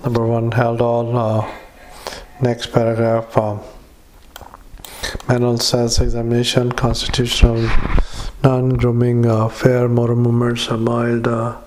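A man, a doctor, dictating a clinical note into a dictaphone, halting often with fillers and spelling out words. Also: medium pitch, monotone, darkish tone, slight background noise, rough recording. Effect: dictaphone recording. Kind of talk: medical dictation.

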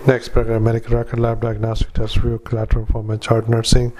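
A man working as a clinician dictates a medical note in halting fragments, speaking punctuation aloud. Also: mid-range voice. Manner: halting, flat, monotone delivery in short fragments. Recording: clearly noisy recording with background ambience.

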